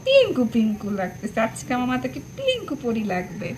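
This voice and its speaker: A woman's voice: fairly high pitch, huge pitch swings, brisk, background noise. A woman pet vlogger talking in doting baby talk to her cat, cooing and repeating words fondly. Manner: cooing, sing-song, repeats words affectionately.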